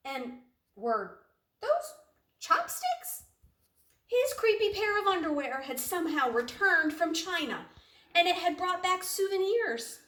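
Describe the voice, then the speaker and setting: A woman with an extremely high voice reads a children's picture book aloud in a roomy, echoing space, recorded from a distant mic. She is expressive and unhurried, stretching words dramatically and asking her young listeners questions.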